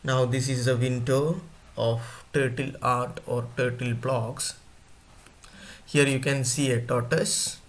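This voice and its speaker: A male teacher giving an online class, talking to his students directly and repeating points often. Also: medium pitch. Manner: slow, repetitive, addresses students directly.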